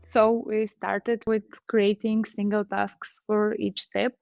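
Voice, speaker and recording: A woman's voice: mid-range voice, little pitch movement, takes it slowly, gravelly, music in the background. A woman from Bulgaria who co-founded a startup, presenting in a webinar in a hesitant way with frequent fillers.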